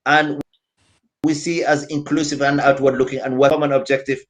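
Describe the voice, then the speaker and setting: A man's voice: mid-range voice, level tone, a little fast. A man from Somalia, speaking earnestly on a panel over a video call and repeating his key phrases. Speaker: community centre representative. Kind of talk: panel discussion.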